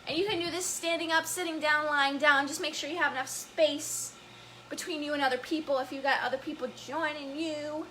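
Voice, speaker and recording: A woman's voice: high voice, steady tone, a little fast, sharp tone, slight background noise, poor audio. A woman leading a children's story time, upbeat and playful, guiding wiggles and breathing and laughing often. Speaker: story time family educator.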